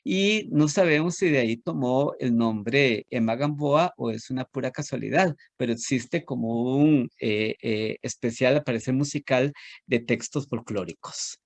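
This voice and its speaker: A man with a Costa Rican accent giving a lecture on children's poetry and reciting a rhyming tale in an expressive, theatrical manner. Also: mid-range voice, a little slow, dry recording.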